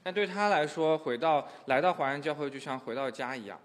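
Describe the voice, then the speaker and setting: Briskly, in a slightly high voice, a man translates a sermon aloud in an echoey church hall, stumbling hesitantly with frequent filler sounds.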